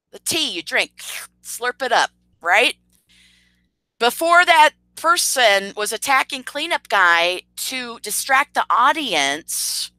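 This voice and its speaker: A woman's voice: fairly high pitch, bright, forceful tone, no room sound, low-quality recording. A woman ranting indignantly on an informal live stream. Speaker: YouTuber.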